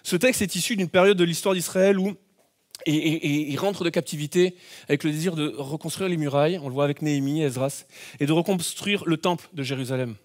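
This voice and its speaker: A man preaching a sermon as pastor, telling a personal story with lively shouts and playful asides. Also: fairly high pitch, brisk. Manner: animated storytelling, acts out scenes with shouts.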